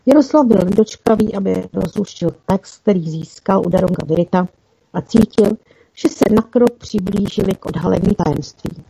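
A woman narrating a children's fantasy story in an even, careful reading style with small slips. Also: medium pitch, gravelly, slightly rough. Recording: dull lo-fi recording.

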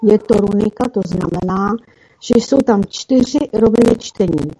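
A woman's voice: mid-range voice, warm tone, close to an everyday voice. A woman voicing a clever young girl who explains things matter-of-factly, read in a storybook. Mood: explaining. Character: clever young girl from the fox den, knowing. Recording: dull lo-fi recording.

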